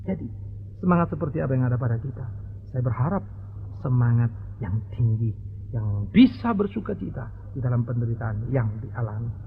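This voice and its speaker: A male pastor preaching a sermon in a lively, exclaiming way, often speaking straight to the congregation. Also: mid-range voice, brisk, slight background noise. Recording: narrow phone-like lo-fi audio.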